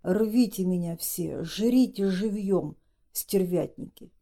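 Женщина за озлобленного раненого мужчину. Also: female voice, medium pitch, measured pace, warm tone, lightly acted. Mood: bitter. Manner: bitter, mocking. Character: bitter injured man, groaning and spiteful.

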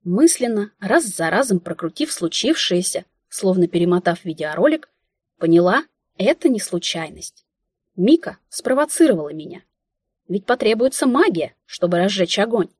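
A woman narrating an audiobook in the first person, ironic and expressive. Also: mid-range voice, moderate pace, breathy edge, dry recording, studio quality.

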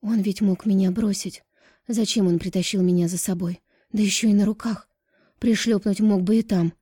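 A woman voicing a defiant young woman who is crying and shouting in high outbursts. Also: steady tone, moderate pace, breathy edge, no room sound, clean studio sound, natural voice. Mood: puzzled.

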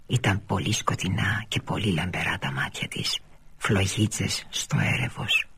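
A man reading a literary novel aloud for radio, in a measured way that often sinks to a near-whisper. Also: on the low side, husky. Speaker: reader.

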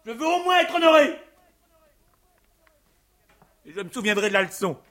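An actor playing a naive, excitable young male student in a vintage radio drama. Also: very high voice, normal speed, heavily acted. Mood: indignant. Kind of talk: 1950s French radio drama acting.

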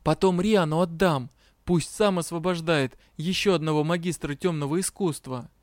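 A man's voice: on the high side, normal speed, no echo, clean studio sound, natural voice. A man voicing a young woman, the heroine, who speaks urgently and eagerly. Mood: pleased. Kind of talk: audiobook reading.

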